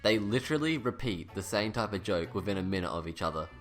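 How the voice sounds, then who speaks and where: A man's voice: on the low side, lively intonation, quick pace. A man with a lisp that slurs his s toward sh, reading a scripted critical review in a blunt, sarcastic, sweary way. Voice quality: lisp, slushy sh-like s. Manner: blunt, sarcastic, sweary, self-deprecating at times. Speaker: video reviewer. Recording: voice-over with music underneath. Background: background music.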